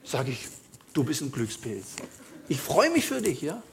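A man's voice: a little high, huge pitch swings, a little slow. A male pastor, preaching a sermon in a conversational style with emphatic asides.

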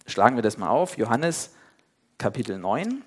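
A man leading a Bible study in a mid-pitched voice, speaking informally and casually turning to his listeners. He then reads scripture aloud, giving the quoted speakers a light lift in his voice. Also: big pitch swings, normal speed, breathy edge. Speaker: Bible teacher.

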